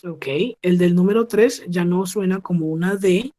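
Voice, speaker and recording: A woman teaching an English lesson over a video call, with a voice a touch lower than most. She talks patiently and stops often to check that the class is following. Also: normal speed, warm tone. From Colombia. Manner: patient, checks understanding with frequent "¿sí?". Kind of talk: online class explaining pronunciation.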